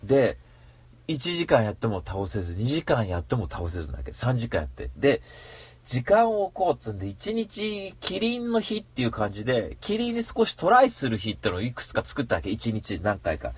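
A man telling a story in a casual solo monologue, animated and given to mock rants. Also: mid-range voice, a little fast, husky, no room sound.

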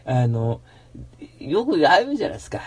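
A man hosting a radio show in a casual rambling monologue, slangy and animated, breaking into mock-angry rants. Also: medium pitch, a little fast, breathy edge.

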